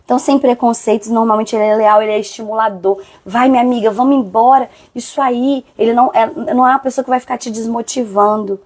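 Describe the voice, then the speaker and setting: A woman hosting a live devotional talk, chatty and animated, acting out quoted friends. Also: a little high, quick pace, hardly any pauses.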